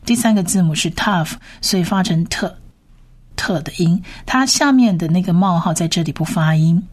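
A woman teaching how to read Hebrew words, spelling out each sound and repeating it slowly. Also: lowish voice, darkish tone. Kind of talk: slow reading lesson.

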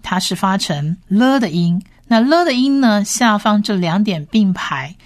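A woman teaching biblical Hebrew to radio listeners, reading words slowly and repeating each sound carefully. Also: medium pitch, expressive. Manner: slow, careful syllable-by-syllable pronunciation drills. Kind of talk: radio-style language lesson.

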